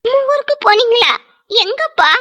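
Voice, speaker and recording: A woman's voice: very high-pitched, lively intonation, moderate pace, a bit bright. A woman voicing a mistreated, grieving young bride in a cartoon drama, crying and pleading. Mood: tearful. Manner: tearful and pleading.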